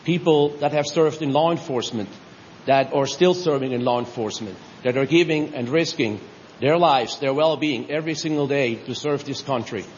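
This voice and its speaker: A man's voice: mid-range voice, a little hiss or hum. Reflective middle-aged man from Switzerland. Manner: reflective, halting with pauses. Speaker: new citizen giving a speech. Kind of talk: personal ceremonial speech. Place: large tent at an outdoor ceremony. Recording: reverberant dull audio with faint ambience.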